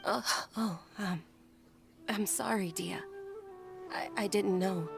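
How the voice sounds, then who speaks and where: A woman voicing a gentle young noblewoman in a game, speaking politely and sympathetically. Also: mid-range voice, slow pace, vocal fry, over music. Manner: polite, soft-spoken, sympathetic. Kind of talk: video game cutscene dialogue.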